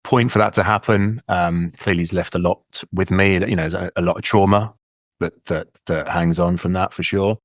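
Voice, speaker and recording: Speaking at normal speed with fairly even intonation, a low-voiced man from England, about fifty and with an English accent, appears as a guest leadership coach in a casual interview. He reflects as he talks, repeating words to collect his thoughts, in clean studio sound with no room sound.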